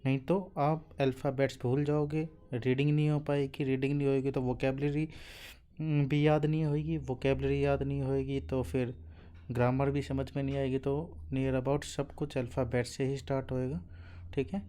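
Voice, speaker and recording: This male Japanese tutor teaches complete beginners in a classroom-style explanation, his warm low voice flat in delivery and clean in tone. He drills syllables slowly, answers his own questions, and says "okay" over and over.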